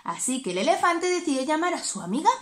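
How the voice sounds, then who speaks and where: A preschool teacher, telling a story to small children in an animated, sing-song way. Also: female voice, high voice, quick pace.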